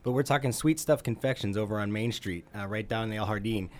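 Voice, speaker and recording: A man's voice: on the low side, fast talker. A man contributing a regular food segment on a radio morning show, upbeat and enthusiastic as he describes dishes in detail. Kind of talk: casual radio chat. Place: radio studio.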